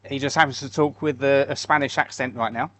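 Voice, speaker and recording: A man's voice: medium pitch, steady tone, quick pace, a bit bright. A man hosting a live stream, chatting casually and answering viewer comments while he makes fishing lures. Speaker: livestream host making fishing lures.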